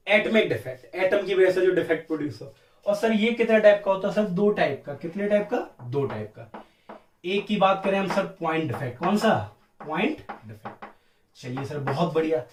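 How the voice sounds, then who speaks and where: A man with a slightly high voice gives a chemistry lecture, posing questions and answering them himself as though he were the students while bouncing key terms back and forth. He addresses his listeners as "beta" and "sir." He sounds off-mic in an echoey room, picked up from a distance.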